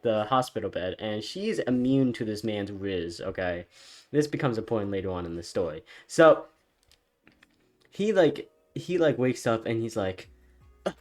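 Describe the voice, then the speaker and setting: A man casually telling a story as commentary while he animates, rambling and swearing, with loose fillers. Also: mid-range voice.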